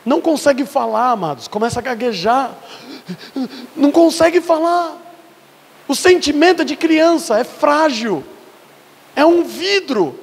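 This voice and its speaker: A man's voice: very high voice, animated, moderate pace. A male pastor from Brazil in his thirties preaching a sermon, his delivery rising and falling in intensity. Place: church hall. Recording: husky voice in a reverberant church hall.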